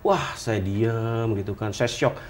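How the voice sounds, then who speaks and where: A man's voice: lowish voice, slow pace. A man, an entrepreneur guest from Indonesia, telling his story in an interview and acting out the voices of the people he quotes. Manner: animated, acts out quoted voices.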